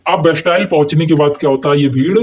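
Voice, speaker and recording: A man goes through history exam notes like a teacher, posing questions and answering them himself. His voice sits fairly high. The recording is dull and lo-fi. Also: fast talker, darkish tone. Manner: keeps asking and answering his own questions, with many "thik hai" and "hai na" check-ins. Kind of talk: explaining exam notes in a mix of Hindi and English.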